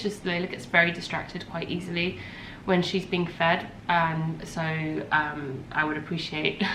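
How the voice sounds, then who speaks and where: A thirtysomething podcast host with a cold-congested, fairly low and somewhat bright voice chats casually and rambles on. Ums and self-corrections crop up constantly. Her recording space echoes and carries faint ambient noise.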